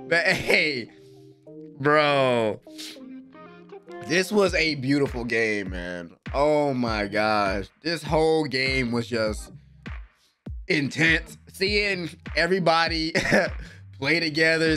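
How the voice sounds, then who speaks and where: Slightly high and bright, the forceful voice belongs to a young American man hosting an anime reaction with casual, emphatic, slang-rich commentary. He sits in a small room at home, headset on, close to a desk microphone.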